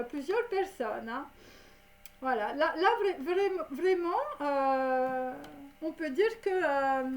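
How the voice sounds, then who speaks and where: A woman reads tarot cards in a loose, rambling way. Her voice sits high, and her talk is full of fillers and little tags at the ends of lines. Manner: rambling, many fillers and "hein". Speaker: tarot card reader. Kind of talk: casual tarot reading to camera.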